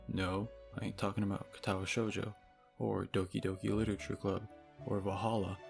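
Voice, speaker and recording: A gravelly-voiced man narrates a scripted video game review, sardonic and casually profane. It's recorded on a low-grade microphone, with game music in the background.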